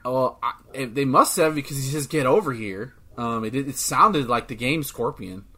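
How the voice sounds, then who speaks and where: A man co-hosting a casual chat podcast, rambling and excitable, often swearing as he talks. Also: medium pitch, normal speed, slightly rough. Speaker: podcast co-host.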